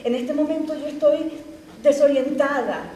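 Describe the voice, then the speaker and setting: A woman's voice: high voice, normal speed, mellow, lightly acted. An actress playing a sad young woman torn between two worlds, weary and evasive with her lover in a stage drama. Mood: melancholy. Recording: echoey hall, distant mic, faint noise.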